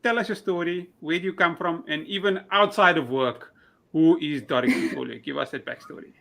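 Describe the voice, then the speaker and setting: Give me a male podcast host with a slightly high voice and an upbeat, scripted delivery. He welcomes listeners and introduces his guest. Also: brisk, creaky, pushed and bright. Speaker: show host.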